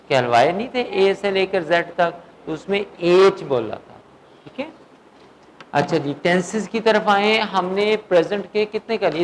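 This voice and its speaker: A man's voice: high voice, slight background noise, rough recording. A male English teacher giving a classroom lecture, drilling words and answering his own questions. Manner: drills vocabulary, asks questions and answers them himself; slow dictation of English sentences.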